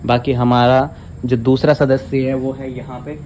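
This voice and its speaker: A man's voice: mid-range voice, little pitch movement, a little slow, a little mellow, a little hiss or hum, low-quality recording. A young man hosting a casual home-tour vlog, chatty and teasing, talking to his viewers. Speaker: vlogger. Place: small home indoors.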